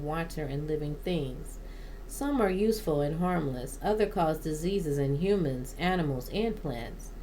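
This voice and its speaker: Slow, halting woman reading a plant book. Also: low voice, dark tone, a little hiss or hum, low-quality recording. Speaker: plant channel host.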